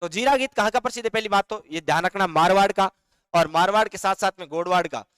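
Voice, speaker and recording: A man with a Rajasthani accent teaches a live online class, pitching his voice high and speaking in a smooth, clear tone. He dictates notes at a slow pace, breaks into lines of folk songs, and answers comments from the chat. The recording is dry and close, with little room sound. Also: a bit bright, dry recording.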